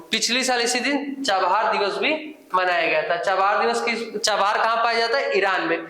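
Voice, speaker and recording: A man's voice: sits high, sharp tone, very echoey, poor audio. A man teaching a current affairs quiz lesson, repeating each answer and adding informal asides.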